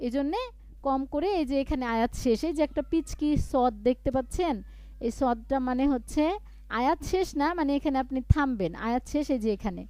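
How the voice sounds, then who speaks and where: High-voiced woman teaching Quran recitation. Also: mellow, no echo. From Bangladesh. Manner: chants verses slowly, then explains in rapid speech. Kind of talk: live online Quran reading lesson.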